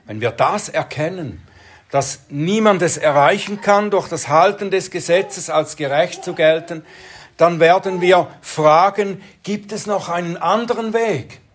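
A preacher giving an expository sermon, explaining Bible verses in a deliberate, measured way. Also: mid-range voice, slight background noise.

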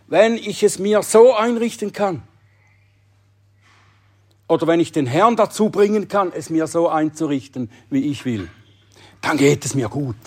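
A male preacher with a fairly high voice delivers a sermon at an unhurried, deliberate pace. He speaks earnestly and with emphasis, sinking to a near hush on key words.

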